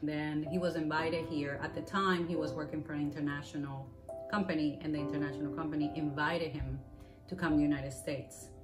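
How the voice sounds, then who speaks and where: With music under her voice, an interviewee from Venezuela, a native Spanish speaker, earnestly recounts migrating, her sentences running long together. She speaks a little fast in a low, level tone.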